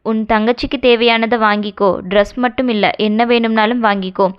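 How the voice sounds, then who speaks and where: A woman reading the lines of a curt, impatient young man in a story, in a smooth voice on a dull lo-fi recording. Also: on the high side, fairly even intonation, brisk, close to an everyday voice. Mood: brusque. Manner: curt and offhand.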